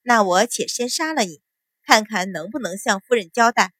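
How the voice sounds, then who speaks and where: A woman's voice: medium pitch, lively intonation, moderate pace, fairly bright tone, no room sound, clean studio sound. A woman voicing a cold, imperious young noble lady who hands down judgments with scorn in an audiobook. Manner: icy, commanding, scornful.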